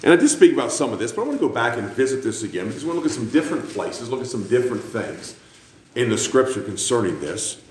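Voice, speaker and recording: A pastor delivers a sermon to his congregation in a lively, swooping style, dropping self-mocking jokes and teasing asides between his points. His mid-range voice moves at a quick pace and rings through a roomy sanctuary, with a faint hum of ambience underneath.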